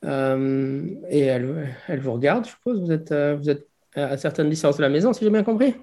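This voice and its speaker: A man's voice: fairly high pitch, lively intonation, moderate pace, mellow. A man improvising narration as game master of a tabletop game, hesitantly searching for his words.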